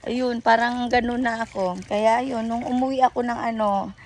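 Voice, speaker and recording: A woman's voice: fairly high pitch, fairly even intonation, moderate pace, a little hiss or hum. A woman with a Filipino accent vlogging outdoors by a river, rambling in a chatty, casual way with many fillers and self-corrections. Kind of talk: casual chat mixing English and Tagalog.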